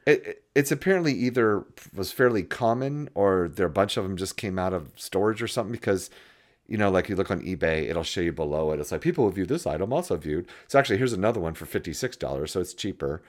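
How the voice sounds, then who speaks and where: Casting: very deep male podcast co-host, easygoing, animated intonation. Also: fast talker. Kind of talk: casual chat about vintage computers.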